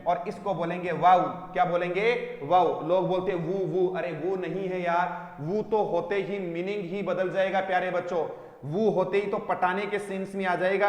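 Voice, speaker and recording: A man teaching an online English vocabulary class, who calls his students dear children and keeps asking questions and repeating the answers. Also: high-pitched. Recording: echoey room with long reverb.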